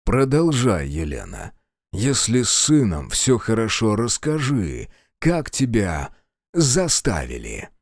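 A man playing a stern male prince and archmage in an audiobook, speaking slowly and coldly with authority. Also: fairly low pitch, huge pitch swings, no echo, studio quality, heavily acted. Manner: slow, cold, commanding.

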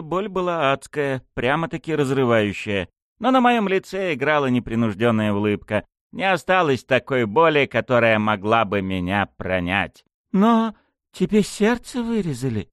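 A man reading a first-person audiobook aloud, telling it in a wry, expressive way. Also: normal speed, hardly any pauses, clean tone, no room sound, clean studio sound. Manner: wry, expressive storytelling with wide pitch swings. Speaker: audiobook narrator.

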